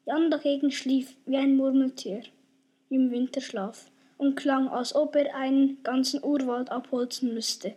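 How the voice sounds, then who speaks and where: A woman narrating a family story in an amateur radio play, lively and chatty, speaking directly to the listeners. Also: high-pitched, a little slow, husky.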